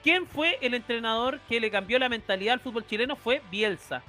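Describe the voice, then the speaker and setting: A man's voice: very high voice, a little fast, pushed and bright, soft background music. A man giving hesitant football analysis in a casual chat, with many fillers. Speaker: panelist.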